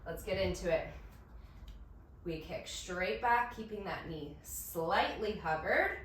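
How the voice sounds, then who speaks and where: An upbeat woman coaches a pilates class at an unhurried pace, counting down reps and cheering between breaths. She is out of breath as she cues each move. Her voice sits back from the mic in a very echoey room. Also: lowish voice, recorded from a distance, slight background noise. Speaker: pilates instructor. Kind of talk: cueing a workout class. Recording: roomy echo, voice from off the mic.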